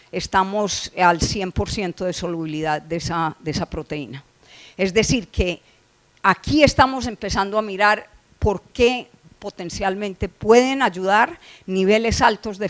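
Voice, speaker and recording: A middle-aged Colombian woman with a Colombian Spanish accent and a mid-range voice lectures on poultry nutrition in a conference hall. She explains her slides with frequent "eh" fillers and restarts.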